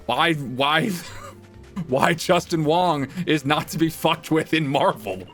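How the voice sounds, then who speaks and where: A man who works as a streamer and voice actor, chatting excitably to viewers on a livestream and often repeating his phrases. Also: a little high.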